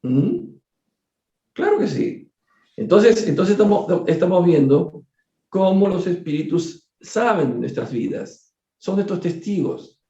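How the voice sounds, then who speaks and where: Male study leader, animated and repetitive, slightly high voice, roomy lo-fi sound. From Peru. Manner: animated, repeats words, jokes and acts out dialogue. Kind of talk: study group talk. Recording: echoey room, dull lo-fi sound.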